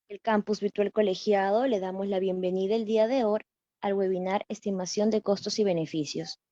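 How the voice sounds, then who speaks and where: A woman's voice: mid-range voice, warm tone, dry recording. Woman on dull, dry call audio. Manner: formal, reading a prepared introduction. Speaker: webinar moderator. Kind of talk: formal introduction.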